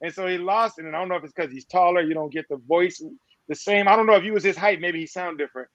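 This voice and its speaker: Male comedian guest, higher-pitched, animated, muffled lo-fi sound. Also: fast talker, no room sound. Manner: animated, laughing. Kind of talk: casual chat. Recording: dull lo-fi audio.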